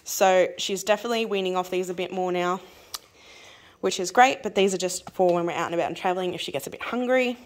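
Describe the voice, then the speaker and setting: An Australian woman in her thirties, chatting through a grocery haul for her family vlog in a rambling, fast way with small laughs. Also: on the low side. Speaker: family vlogger.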